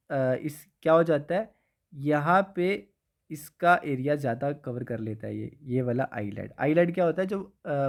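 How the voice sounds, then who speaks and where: A man's voice: medium pitch, a little mellow. A man teaching an exam revision lesson in Kashmiri-accented Hindi. He keeps asking the class questions, answers them himself, and checks in with "theek hai" again and again. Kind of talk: exam revision lecture over a map.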